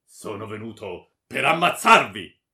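A man voicing a grim, ferocious old baron, a merciless father who shouts harsh threats. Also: on the low side, sing-song, measured pace, gravelly, full character voice. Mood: furious.

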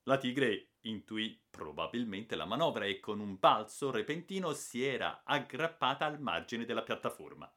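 A man narrates an adventure novel in a dramatic audiobook reading. His voice sits fairly low and moves with lively intonation. He reads in an expressive, storytelling manner.

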